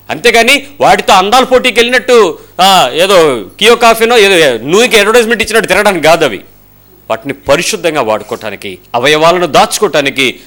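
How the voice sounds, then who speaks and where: A male pastor giving a lively sermon, firing rhetorical questions and acting out voices of the people in his stories. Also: a little high.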